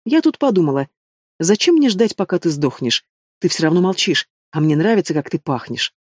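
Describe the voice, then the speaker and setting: Man doing a spiteful monster woman, hissy mocking voice, fairly high, dry mic. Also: very animated, a little fast, no room sound. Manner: hissing, mocking. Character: vicious female manticore, snarling and gloating. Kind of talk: audiobook reading.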